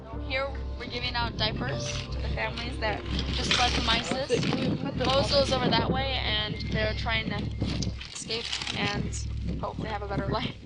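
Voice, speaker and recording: A woman's voice: on the high side, steady tone, normal speed. A woman explaining on the spot what she is doing while working outdoors. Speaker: aid worker filming on site. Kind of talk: on-the-spot field commentary. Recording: distant windy field recording with loud music.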